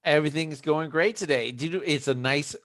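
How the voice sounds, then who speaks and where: A man's voice: fairly high pitch, moderate pace, fairly bright tone. A man co-hosting a podcast, bantering casually in an informal style.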